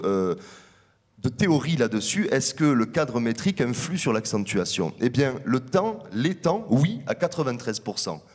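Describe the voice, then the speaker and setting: A man giving an academic conference talk. He presents research findings in a measured, explanatory way. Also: medium pitch. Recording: long hall reverb.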